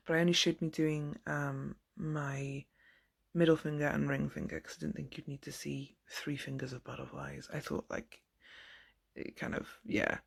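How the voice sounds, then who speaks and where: Chatty woman with a gravelly low voice. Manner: chatty, giggly, lots of ums and likes. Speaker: nail tutorial vlogger. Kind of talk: casual tutorial chat to viewers. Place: home.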